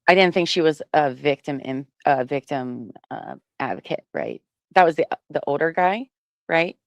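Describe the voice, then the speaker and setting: A woman's voice: deep voice, normal speed, no echo. A woman co-hosting a casual chat, thinking aloud with frequent fillers. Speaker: co-host.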